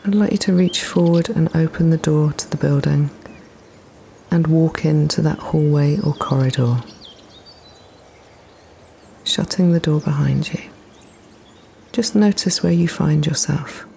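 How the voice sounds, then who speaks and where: Woman, deep gravelly-edged soft voice, near-whispered at times, soothing guided meditation narrator. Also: a little hiss or hum. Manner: soothing, gently instructing, unhurried pauses. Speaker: guided relaxation practitioner.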